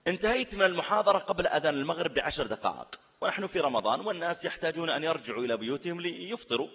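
Fast-talking preacher in an echoey hall. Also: male voice, fairly high pitch, husky, muffled recording. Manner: animated storyteller, poses rhetorical questions. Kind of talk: sermon with storytelling.

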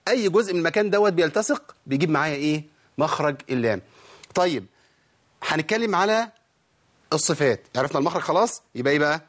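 Egyptian male tutor, fast-talking, slightly high voice, keeps quizzing students with rhetorical questions. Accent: Egyptian Arabic. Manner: quizzing, frequent rhetorical questions, demonstrates sounds. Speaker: Quran recitation teacher. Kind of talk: spoken lesson to students.

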